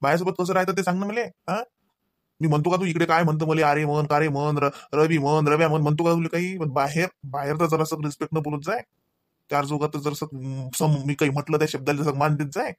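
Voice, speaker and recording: A man's voice: fairly high pitch, level tone, dry recording, clean studio sound, natural voice. A man voicing a scolding cartoon husband. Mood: stern. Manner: nagging, lecturing, rapid scolding. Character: scolding husband Ravi, grown man, short-tempered. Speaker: voice actor. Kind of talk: cartoon voice acting.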